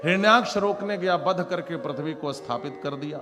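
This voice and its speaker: A man with a fairly high voice preaches through a devotional story, acting out its characters with dramatic, exclamatory delivery. His voice rings with a long hall reverb. Instrumental music plays clearly behind him. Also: fairly quick. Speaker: Bhagavat katha preacher.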